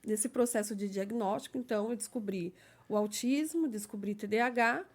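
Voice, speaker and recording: A woman's voice: mid-range voice, normal speed. A woman, a guest in an interview, explaining things carefully and a little hesitantly, often checking in with "né?". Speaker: guest, legal assistant. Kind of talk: personal conversational interview.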